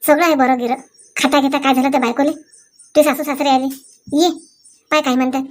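A bossy, quarrelsome middle-aged mother-in-law, played by a woman, scolds and complains in a Vidarbha Marathi accent. Her voice sits high for a woman. The sketch is a comic family skit. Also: flat delivery, fairly quick, a little mellow, lightly acted. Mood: scolding. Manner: scolding, self-pitying complaints. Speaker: actor in a comedy skit.

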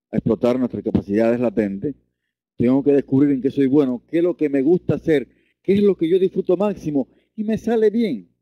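A man's voice: dry recording, highs cut off. A man teaching a Reiki lesson, earnest, often repeating and restarting his words. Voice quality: deep voice. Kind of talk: online lesson.

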